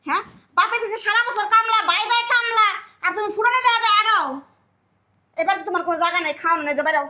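Woman playing a shrill scolding mother. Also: fast talker, full character voice. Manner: scolding, sharp-tongued. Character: scolding middle-aged mother of the household. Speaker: actor. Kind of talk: village family drama acting.

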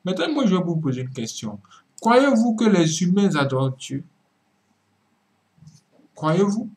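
Dramatic slow-preaching man, higher voice. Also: big pitch swings. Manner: dramatic preaching, swings from loud emphatic cries to low murmured asides; repeats words and restarts phrases for emphasis. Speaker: religious commentator. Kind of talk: preaching-style video commentary.

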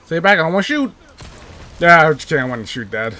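Hosting a let's-play, this male YouTuber talks fast in a high, sing-song, pushed and bright voice. He's casual and pokes fun at himself, repeats phrases under pressure, and jokes that English isn't his native tongue.

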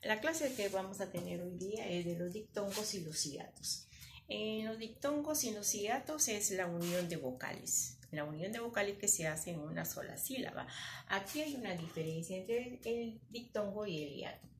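Patient Peruvian teacher in an echoey room. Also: female voice, mid-range voice, animated. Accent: Peruvian Spanish. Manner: slow, patient, explaining step by step. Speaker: primary school teacher. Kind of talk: classroom lesson with opening prayer. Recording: echoey room with faint background noise.

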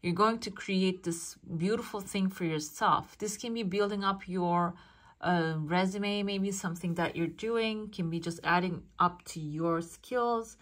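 Her voice sits fairly low and comes out unhurried, with a fairly bright tone. She's a fortune teller who hosts her own channel, doing a casual coffee cup reading aimed straight at the viewer and musing aloud as she interprets.

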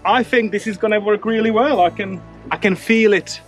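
A man chatting casually as a sailboat's first mate, teasing and joking with playful, drawn-out delivery. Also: sits high, soft background music. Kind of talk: casual vlog chat.

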